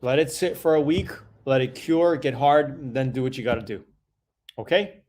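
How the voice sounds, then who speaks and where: A man's voice: mid-range voice, moderate pace, a little mellow. A middle-aged man hosting a casual live Q&A, answering viewer questions in a loose, conversational way with fillers and self-corrections.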